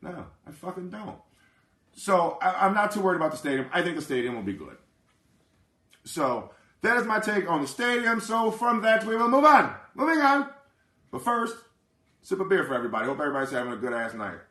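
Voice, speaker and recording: A brash, foul-mouthed man rambles through a casual live chat, his voice bright and forceful. He keeps checking in with his listeners, and the sound rings around a roomy, echoey space. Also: a little high, big pitch swings, fairly quick. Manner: keeps asking "you know what I mean". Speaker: livestream host.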